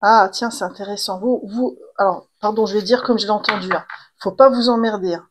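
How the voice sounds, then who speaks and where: A woman's voice: medium pitch, steady tone, fairly quick, noisy background. A woman doing a tarot reading to camera in a chatty way, full of fillers and restarts. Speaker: tarot reader and coach.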